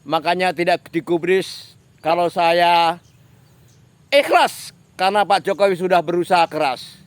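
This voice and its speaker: A man's voice: sits high, unhurried. A man giving a political commentary monologue, speaking straight to a politician and repeating phrases for emphasis. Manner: addresses a politician directly, repetitive emphatic phrasing.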